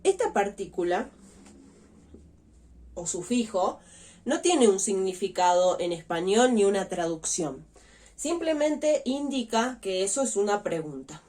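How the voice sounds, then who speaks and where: Woman teacher, online lesson, patient step-by-step delivery, mid-pitched voice. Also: big pitch swings, unhurried, warm tone. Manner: patient, explains step by step, stresses example words. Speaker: language teacher.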